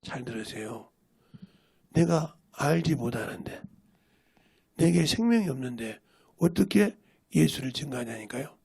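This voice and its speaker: A man's voice: medium pitch, expressive, a little slow, creaky, pauses often, warm tone, slightly rough. A male pastor preaching a sermon, pressing his points with emphatic rhetorical questions.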